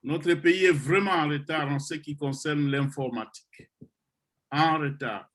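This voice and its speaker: A middle-aged man from the Democratic Republic of the Congo, who founded the project running an online computer course, slowly and deliberately motivates his trainees on a video call. His voice is on the high side with a fairly bright tone, and he pauses and hesitates as he goes.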